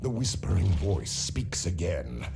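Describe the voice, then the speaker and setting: A man's voice: low-pitched, sing-song, measured pace, vocal fry, very noisy. A man narrating a fantasy game as dungeon master, with dramatic, atmospheric storytelling from a script. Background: loud music.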